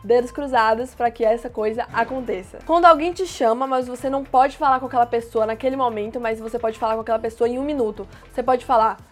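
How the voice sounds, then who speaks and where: A woman teaching everyday English phrases, explaining plainly and repeating each phrase slowly. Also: fairly high pitch, fairly even intonation, faint music behind. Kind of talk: casual language lesson.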